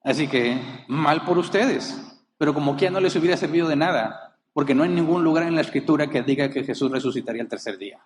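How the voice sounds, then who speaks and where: A man's voice: a little high, quick pace, hardly any pauses, long reverb tail, a little hiss or hum. A man preaching a sermon as a pastor, emphatic, rising and falling, asking rhetorical questions. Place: church.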